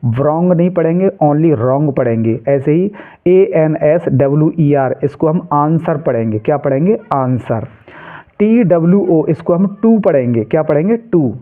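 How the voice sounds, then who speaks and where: A man teaching an English lesson who spells words out letter by letter and answers his own questions. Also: a little high. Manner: spells letters aloud and asks questions, then answers them himself. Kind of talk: classroom-style lesson. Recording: tinny phone-like sound.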